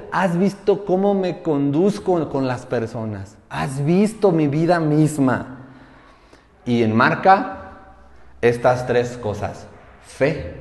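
A male pastor preaching a sermon, firing rhetorical questions with emphatic swells and hushed drops. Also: mid-range voice. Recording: roomy hall with long reverb.

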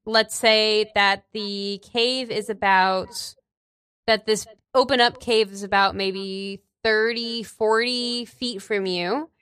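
A woman game master casually describing scenes in a tabletop game, halting as she thinks aloud. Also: mid-range voice, steady tone, fairly bright tone, smooth, no room sound.

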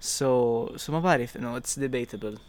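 A man's voice: mid-range voice, normal speed. A young Lebanese man in a casual discussion, constantly switching between Arabic and English mid-sentence.

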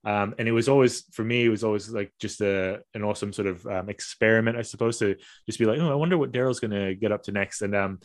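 A man's voice: fairly low pitch, quick pace, hardly any pauses. A man hosting a podcast, asking questions in a rambling, hesitant way. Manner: rambling, hesitant with many fillers and restarts. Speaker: podcast host. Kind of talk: casual interview.

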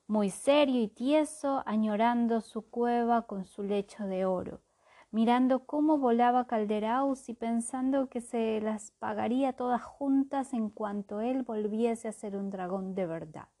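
A woman reading a children's adventure story aloud in an expressive storytelling manner. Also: on the high side, a little slow. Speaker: narrator.

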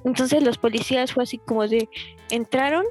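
A woman's voice: a little high, fairly quick, husky, faint music behind. A young woman with a Mexican accent telling a story in a casual, chatty way, full of fillers and laughs. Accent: Mexican Spanish. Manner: laughs often, chatty fillers, animated retelling.

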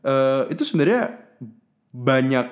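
A man's voice: medium pitch, very animated, unhurried. A young man telling a personal story in casual, slangy talk, cursing often and mixing in English words. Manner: swings between loud bursts and mumbled asides.

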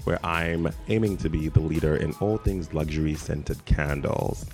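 A young man from Zimbabwe, raised in South Africa, co-hosting a podcast and reading a scripted intro in a measured, announcer-like way. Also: extremely low pitch, over loud music. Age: young adult. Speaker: podcast co-host.

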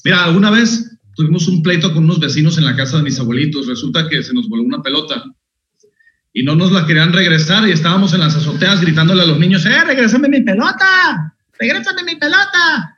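A man's voice: a little high, fast talker. Laughing Mexican man telling stories. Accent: Mexican Spanish. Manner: laughing, animated anecdotes with slang. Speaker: podcast guest, motivational speaker. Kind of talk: casual storytelling chat. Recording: echoey room, dull lo-fi sound.

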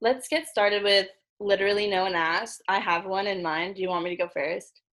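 A young woman hosting a casual podcast, chatty and giggly, with a gravelly vocal fry. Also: mid-range voice, moderate pace, a bit bright. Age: young adult. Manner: giggly, chatty with many fillers. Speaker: podcast host.

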